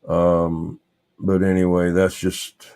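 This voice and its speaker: A man with a deep, dark, smooth voice speaks slowly and in a monotone. He hosts a casual, rambling livestream showing vintage radios, muttering to himself in a folksy way as he goes.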